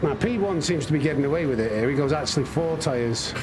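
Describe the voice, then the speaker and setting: A man with a higher-than-average voice talks fast with lively intonation while live streaming a sim racing game. Racing game engine sounds come through clearly behind him as he mutters self-critique of his driving and chats with viewers.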